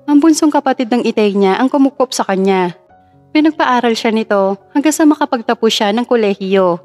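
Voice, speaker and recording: Woman reading a drama story aloud, higher voice, soft music underneath. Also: animated, fairly quick. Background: faint background music.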